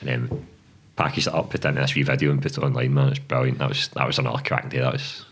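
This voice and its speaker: A man's voice: extremely low pitch, flat delivery, rapid-fire, a bit bright. A young man with a Glaswegian Scottish accent, chatting casually as a guest writer and dropping "man" and "mate" constantly. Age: young adult. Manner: laid-back, says "man" and "mate" constantly. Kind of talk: casual podcast chat.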